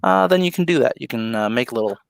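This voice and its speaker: A man co-hosting a casual live stream, relaxed and laughing easily, with plenty of ums. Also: medium pitch, fast, gravelly. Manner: laid-back, laughs often, many ums. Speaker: co-host of a live ocean talk stream.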